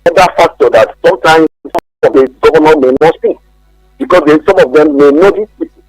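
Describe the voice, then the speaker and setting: Man, radio caller, husky, low-pitched, dry sound, faint music behind. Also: darkish tone, no room sound, low-quality recording. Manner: earnest, halting. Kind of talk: call-in comment.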